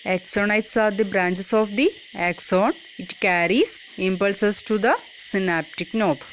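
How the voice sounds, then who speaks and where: A woman's voice: medium pitch, a little slow, a little hiss or hum. A woman reading a scripted educational narration for a school lesson. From Kerala, India.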